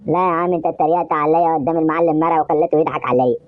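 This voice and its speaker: A woman's voice: low-pitched, steady tone, very fast, no echo, lightly acted. A woman voicing a moody, touchy young man in an Egyptian cartoon, speaking with an Egyptian Arabic accent in a sulky, complaining way. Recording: dull, dry lo-fi sound.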